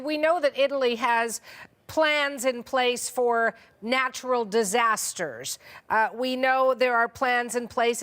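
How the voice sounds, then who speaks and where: Lady news anchor asking direct questions, a bit high-pitched. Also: fairly bright tone. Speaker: news interviewer. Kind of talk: broadcast news interview.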